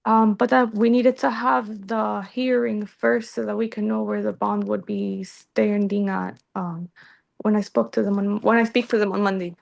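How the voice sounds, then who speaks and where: A woman's voice: medium pitch, fairly even intonation, normal speed, gravelly. A woman testifying to a judge over a video call, speaking hesitantly and restarting her sentences. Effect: heard over a video call. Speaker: witness in a court hearing.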